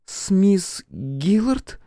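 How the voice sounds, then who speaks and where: A man voicing an emotional, quick-tempered young woman in a storybook reading, in a high, excitable and indignant voice. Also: no echo, clean studio sound, natural voice. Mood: anxious, demanding.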